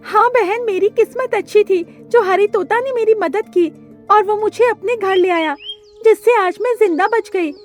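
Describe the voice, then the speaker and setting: A woman voicing a kind, gentle young female sparrow in a cartoon, with a high, pleading manner. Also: normal speed, soft background music. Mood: grateful.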